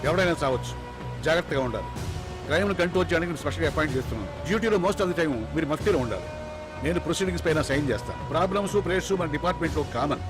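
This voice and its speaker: A stern senior police chief, played by a man in a film. He lectures with authority in a high, lively voice. Music plays behind. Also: rapid-fire, natural voice. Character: senior male police chief briefing officers. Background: film score.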